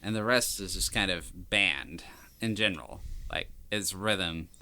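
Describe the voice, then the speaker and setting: A man's voice: low-pitched, a little slow, bright, forceful tone. A man chatting casually on a podcast about a classic album, with hesitant restarts. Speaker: podcast co-host.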